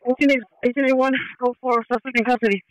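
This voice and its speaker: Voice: sits high, steady tone, quick pace, smooth, dry recording, low-quality recording. A police officer calling in clipped, terse updates over a police radio. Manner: clipped, procedural. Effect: police radio transmission. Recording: police scanner radio audio.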